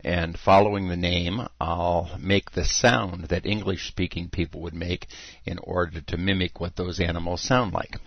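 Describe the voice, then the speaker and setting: A man from Canada slowly and deliberately naming common animals. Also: low voice, flat delivery, vocal fry, dry recording, muffled recording. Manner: slow, deliberate explanation. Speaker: presenter of an animal sounds segment.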